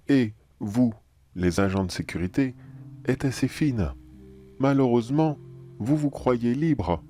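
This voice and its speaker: A man playing a calm, philosophical cannibal anomaly in a horror audio drama, measured and politely menacing. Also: mid-range voice, slight background noise, natural voice.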